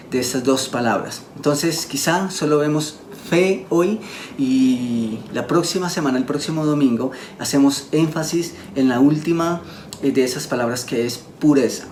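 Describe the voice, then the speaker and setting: A man giving a sermon as a preacher, earnest and slowing down to stress his points. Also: mid-range voice, darkish tone. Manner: earnest, slows down to stress words. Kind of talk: sermon teaching. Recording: echoey room with faint background noise.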